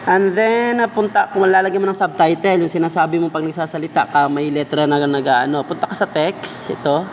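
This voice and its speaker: Speaking briskly with fairly even intonation, a man with a highish voice and a Filipino accent teaches video editing step by step. He keeps it informal, addressing the viewer as a buddy, and there's slight background noise.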